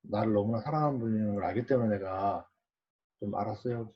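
A man's voice: on the low side, brisk. Man leading a casual Bible study. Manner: conversational, asks the group questions, acts out quoted parents and children. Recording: dull lo-fi recording.

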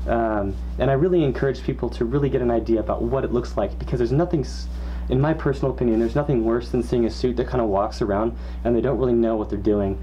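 A man's voice: medium pitch, dark tone. Man, muffled inside a fursuit head, rambling casual how-to talk, faint hum behind. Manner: rambling, many fillers and restarts. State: muffled through costume head. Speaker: fursuit performer. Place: indoors at home.

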